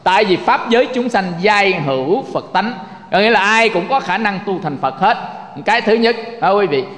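Man, Buddhist sermon, folksy and joking, high voice, long reverb. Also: lively intonation, normal speed, a bit bright. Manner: folksy, joking, keeps asking the audience for agreement. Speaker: Buddhist teacher.

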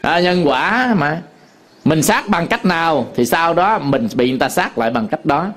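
A man's voice: fairly high pitch, lively intonation, normal speed, fairly bright tone. A man with a Southern Vietnamese accent, a Buddhist monk giving a dharma talk to an audience, telling stories with many fillers and repetitions.

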